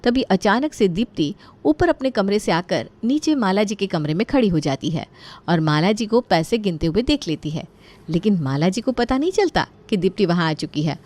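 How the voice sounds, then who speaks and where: A woman narrating a comic bedtime story in a lively, playful way. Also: mid-range voice, normal speed.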